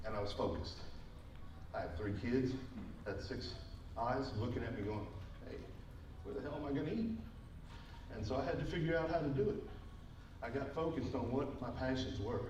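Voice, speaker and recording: A man's voice: on the low side, darkish tone, dull audio. Man in his 30s, casual self-deprecating testimony, slightly winded; distant mic in a roomy hall, audience noise. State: a little out of breath. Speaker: speaker at a business event. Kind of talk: personal testimony talk to a live audience. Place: large event hall with a live audience. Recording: echoey hall, mic far off, crowd noise.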